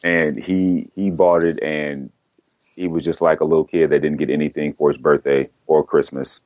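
Very deep-voiced man in casual chat. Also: steady tone, normal speed, no echo, phone-quality sound. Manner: rambling, self-correcting, laughs easily. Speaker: podcast co-host. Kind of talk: casual chat about comics news.

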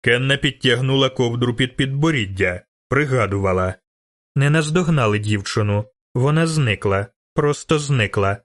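A man reading a fantasy novel aloud as audiobook narrator, with measured, dramatic storytelling. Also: mid-range voice. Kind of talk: scripted narration.

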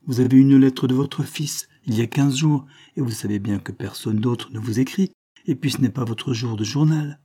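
A man's voice: medium pitch, normal speed, dark tone, breathy edge. A man voicing a blunt, grumbling household servant woman who talks brusquely.

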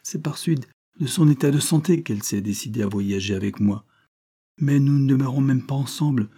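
A man reading aloud, voicing a smooth foreign gentleman who plays a naive count, effusive and ingratiating. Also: medium pitch, moderate pace, lightly acted.

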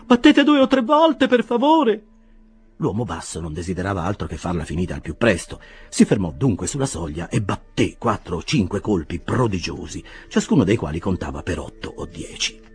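A man reading a classic novel aloud as an expressive, dramatic narrator. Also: low voice, breathy edge. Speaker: audiobook reader. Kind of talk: audiobook narration.

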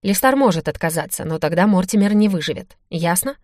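A woman reading an audiobook voices a stern, commanding man who barks orders loudly. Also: fairly low pitch, expressive, a little fast, no echo, clean studio sound, close to an everyday voice. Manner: barking, forceful.

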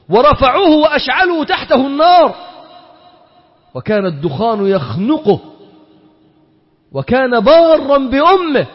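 A high-voiced Egyptian man preaching a sermon, his pitch leaping up and down as he throws questions at the crowd and acts out exchanges. The sound is dull and lo-fi, with a long hall reverb behind every line. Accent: Egyptian Arabic. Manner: animated, rhetorical questions, acts out dialogues.

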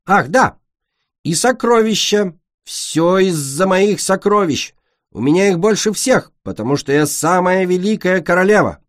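A man's voice: sits high, animated, normal speed, voice pushed up. A man voicing a small female dragon who plays a grandiose, boastful queen in a storybook reading. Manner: grandiose, theatrical.

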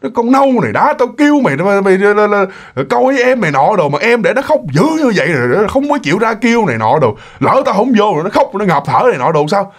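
A man's voice: high-pitched, sing-song, fast talker, hardly any pauses, pitched above the performer's own voice, heavily acted. A man voicing a short-tempered middle-aged mother who nags and repeats herself. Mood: scolding. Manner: nagging, repeating words.

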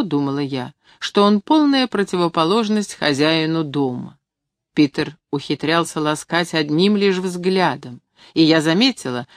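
A woman reading a novel in the first person with calm, even storytelling, close to the mic. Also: deep voice, no echo. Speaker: audiobook reader. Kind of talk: scripted narration.

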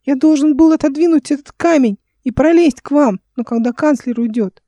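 A timid little servant boy with a thin, high, squeaky voice, as a woman reader puts him on. He pleads breathlessly and in a hurry, in a storybook audiobook. The voice is mellow and close, in a dry room. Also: moderate pace, no echo, lightly acted. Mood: distressed. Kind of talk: audiobook character voice.

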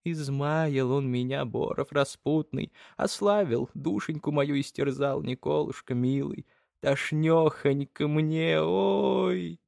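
A man doing a hoarse frail old peasant mother. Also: medium pitch, slow pace, no echo, studio quality, voice pushed up, close to an everyday voice. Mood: hushed lament. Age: older. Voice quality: hoarse, rasping. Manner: cursing and lamenting in choked bursts.

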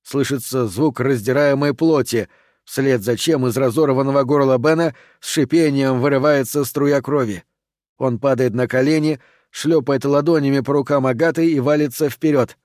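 A man narrating a horror audiobook in an even, steady reading voice. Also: medium pitch, normal speed, dry recording, clean studio sound.

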